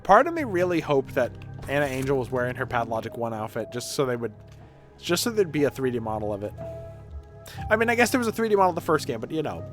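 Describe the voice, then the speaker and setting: A man's voice: medium pitch, very animated, quick pace, faint music behind. A man giving casual, slangy, sweary gameplay commentary as a video game streamer. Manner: sweary, slangy, exasperated outbursts.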